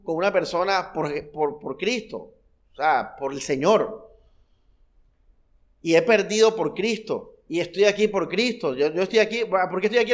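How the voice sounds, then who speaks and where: A man from the preaching a sermon. He speaks with fervent repetition, asks the congregation rhetorical questions, and swings between soft, low passages and loud, high bursts. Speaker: pastor. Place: church hall.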